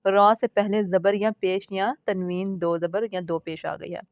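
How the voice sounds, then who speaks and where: A woman teaching a tajweed lesson, patiently explaining recitation rules, repeating her points and slowly sounding out example words. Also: medium pitch, flat delivery, no echo, lo-fi sound. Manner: patient, repeats points and checks in with "theek hai".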